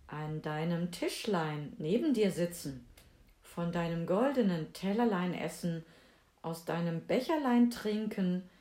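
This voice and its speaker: Coaxing male frog from a storybook, as a woman reads him, insistent, calls out high, pitch swooping, slow and deliberate, roomy echo around the voice. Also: mellow. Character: pleading talking frog, male, lowly. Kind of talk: fairy tale reading.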